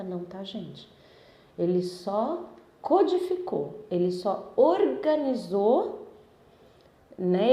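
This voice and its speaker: A woman's voice: medium pitch, dark tone, reverberant. A woman with a Brazilian Portuguese accent leading a Spiritist study group in a chatty way, often turning to her listeners for agreement. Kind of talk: informal religious study talk.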